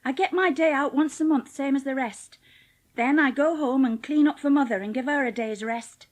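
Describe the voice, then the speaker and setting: In a dramatised audiobook, a woman with a high voice plays a cheerful, plain-spoken young Yorkshire housemaid, acting lightly at a moderate pace. The maid scolds in an earnest way, chatty and blunt in homely dialect.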